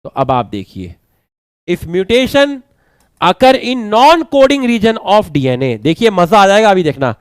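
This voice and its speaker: A man teaching biology, slowly dictating and repeating phrases for students to write down, mixing terms into his talk. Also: high voice, big pitch swings, smooth, no room sound. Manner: repeats phrases slowly for note-taking, mixes English terms. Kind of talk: lecture, dictating notes.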